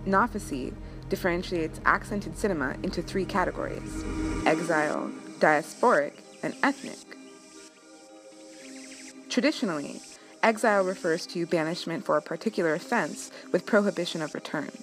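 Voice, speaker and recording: A woman narrates a scripted film essay in a measured, academic cadence. Her voice sits a little low. Clear music plays beneath her voice-over. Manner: measured, deliberate academic delivery.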